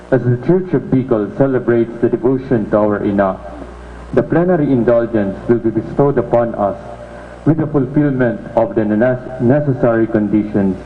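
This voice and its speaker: A man's voice: mid-range voice, a little hiss or hum. A man with a Filipino accent reading a formal religious announcement to the faithful. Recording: thin phone-like sound with music.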